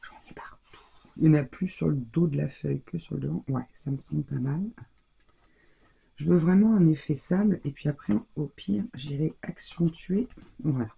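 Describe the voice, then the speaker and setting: A woman talks her viewers through her scrapbooking in loose, casual commentary. Her voice is gravelly and husky with a dark, mellow tone. She thinks aloud as she works. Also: sits low, moderate pace, dull audio. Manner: chatty, thinking aloud while working. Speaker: scrapbooking crafter.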